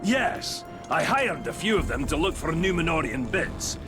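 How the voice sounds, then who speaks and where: A man with a fairly high, sing-song voice at normal speed plays a wisecracking male dwarf tinkerer in a video game cutscene. The character is an inventor who helps the hero, speaking in a teasing, offhand manner over background music.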